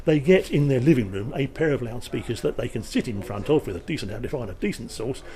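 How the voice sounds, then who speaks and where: This man represents a company at a trade show, pitching a product informally with emphatic salesman talk and wry remarks. He talks fast in an animated, mid-range, dark-toned voice.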